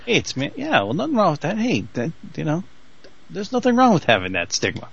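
A man's voice: on the high side, wildly swooping pitch, brisk, gravelly, breathy edge. A man guesting on a casual podcast, emphatic, with jokey asides. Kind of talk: casual chat over a video call. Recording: dull, lo-fi call audio.

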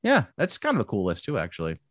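A man's voice: on the low side, wildly swooping pitch, fast, no room sound, studio quality. A man co-hosting a podcast in a casual, teasing, joking manner. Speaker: podcast co-host. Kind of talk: casual banter.

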